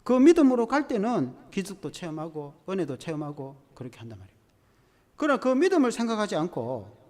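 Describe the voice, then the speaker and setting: A man's voice: fairly high pitch, darkish tone. A male pastor preaching a sermon in a church, telling the story with animation and acting out quotes. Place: church sanctuary. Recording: long church hall reverb.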